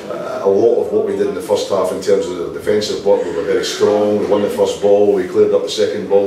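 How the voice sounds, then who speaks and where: A middle-aged Scottish football manager giving a post-match interview, talking quickly with lots of "you know" fillers. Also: male voice, sits low, heavy reverb, distant mic, low-quality recording. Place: indoor press area in front of a sponsor board.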